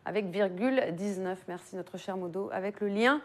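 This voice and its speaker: A woman hosting a live sports betting stream, brisk and upbeat as she reads promotions and runs a quiz. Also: mid-range voice. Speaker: host. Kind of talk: live betting show presenting.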